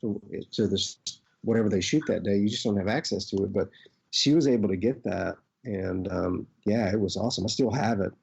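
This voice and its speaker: A middle-aged man with an Arkansas accent, casually reminiscing as an interview guest in a rambling, halting way. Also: fairly low pitch, vocal fry, a little mellow, breathy edge. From Arkansas, United States. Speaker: actor, podcast guest. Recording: dull, lo-fi audio.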